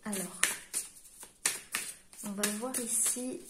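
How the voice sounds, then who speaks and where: French woman giving a halting card reading. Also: mid-range voice, fairly even intonation, heavy background noise. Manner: halting, searching for words while reading cards. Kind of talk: tarot-style guidance reading to camera.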